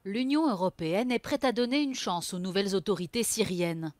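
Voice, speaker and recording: A woman presenting news headlines in a clear, steady, scripted delivery. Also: medium pitch, brisk.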